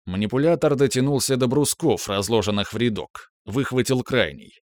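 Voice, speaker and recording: Male audiobook narrator, mid-pitched, dry close sound. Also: expressive, normal speed, a little mellow, no echo. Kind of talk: scripted first-person narration.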